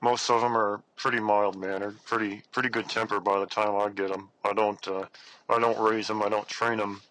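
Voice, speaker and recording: Male storyteller, low and bright, jaw wired shut so words come through clenched teeth, halting delivery. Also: level tone, a little hiss or hum, rough recording. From Arizona, United States. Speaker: caller telling a personal story. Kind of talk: casual first-person storytelling.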